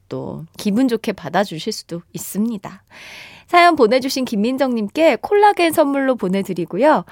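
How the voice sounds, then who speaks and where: A woman radio DJ chatting and reading listener messages, animated and laughing often, on a close studio mic. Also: fairly high pitch, no echo.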